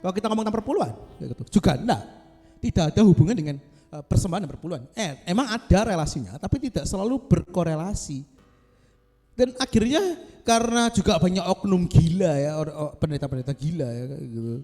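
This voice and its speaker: A man's voice: high-pitched, animated, fast talker, mellow, long reverb tail, faint music behind. A male pastor, giving a casual, joking devotional talk to a small group over a video call. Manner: joking, chatty, self-mocking.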